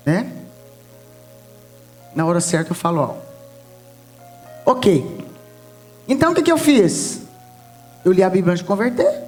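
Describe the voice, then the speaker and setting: A Brazilian woman preaching a testimony in church, telling stories in a lively way and acting out the voices of others. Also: on the low side. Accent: Brazilian Portuguese. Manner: lively storytelling with laughs, acts out voices. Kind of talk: sermon testimony.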